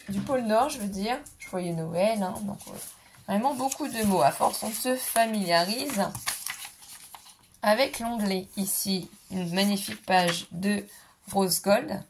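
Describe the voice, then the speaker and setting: Woman, gravelly voice, gushing, casual craft haul chat, slightly worn voice. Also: mid-range voice, a little hiss or hum. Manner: gushing, enthusiastic, repeats "trop mignon". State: voice going, clearing throat. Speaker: scrapbooking vlogger. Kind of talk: casual product haul show-and-tell.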